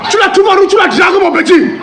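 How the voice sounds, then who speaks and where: An actor with a Cameroonian French accent playing an indignant man accused of flirting, who protests loudly and repeats himself. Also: very high-pitched, quick pace, creaky, a crowd in the background. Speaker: actor in a comedy sketch. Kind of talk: comic sketch acting.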